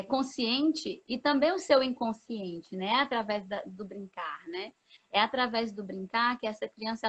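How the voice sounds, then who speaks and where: A woman's voice: a little high, fairly bright tone. A woman pedagogue chatting in an interview, explaining patiently and ending many phrases with a questioning tag. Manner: explanatory, many "né?" tags and restarts. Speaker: pedagogue guest. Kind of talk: casual interview chat. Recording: dull lo-fi sound.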